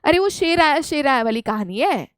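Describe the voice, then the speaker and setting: Lively Indian woman teaching in high voice. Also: moderate pace, no echo, studio quality. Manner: lively, acts out little scenes with playful voices. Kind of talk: online lecture in Hindi mixed with English.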